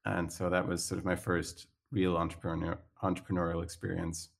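Deep and creaky, a man's voice comes through flat and fairly quick. He's a startup founder from Switzerland with a Swiss accent, guesting in a relaxed interview, often hesitating, filling pauses, and restarting sentences.

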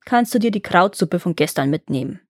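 A woman doing a greedy, sly rich brother who talks lower and gruffer. It is fairy-tale narration with a dry, close sound. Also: lively intonation, a little fast, dry recording.

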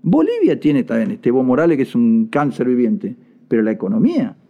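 Indignant older Argentine man, lively pitch. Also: brisk. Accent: Argentine Spanish. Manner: indignant, sarcastic, mocks people in put-on voices. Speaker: political commentator. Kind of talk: animated political commentary. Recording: dull lo-fi sound.

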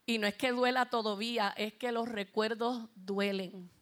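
A woman's voice: fairly high pitch, steady tone, measured pace, fairly bright tone. A middle-aged woman with a Puerto Rican accent, giving a heartfelt church testimony as a worship singer and speaking directly to the congregation.

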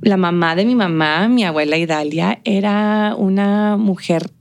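A woman's voice: medium pitch, a little slow, a little hiss or hum. A woman from the border region being interviewed, talking reflectively with many fillers and some English phrases. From United States, El Paso border region. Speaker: interview guest, business owner. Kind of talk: casual conversational interview.

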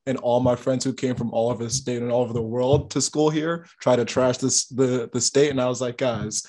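A man's voice: mid-range voice, steady tone, fairly quick, darkish tone. Eager young male student interviewer. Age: young adult. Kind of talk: interview questions.

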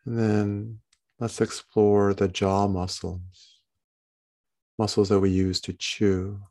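A man leads a guided meditation in a calm, meditative tone. His voice sits very low and has a soft, mellow color, with a gravelly creak at the edges. He gives gentle instructions in short, unhurried phrases. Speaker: meditation teacher. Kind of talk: guided body-scan meditation.

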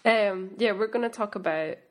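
A woman's voice: medium pitch, moderate pace. A woman co-hosting a casual podcast while sick, chatty and self-deprecating. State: sick, under the weather. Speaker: podcast co-host. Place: home in Scotland.

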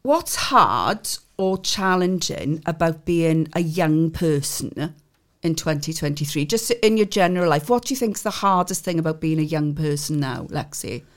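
A woman's voice: low-pitched, lively intonation, normal speed. A woman, a youth theatre tutor chatting with and coaxing young members in a casual interview.

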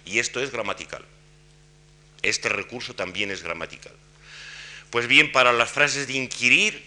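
A man giving an academic lecture on grammar and intonation, explaining in a measured way with frequent pauses. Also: fairly low pitch, bright, forceful tone. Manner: demonstrates intonation patterns by voicing example questions.

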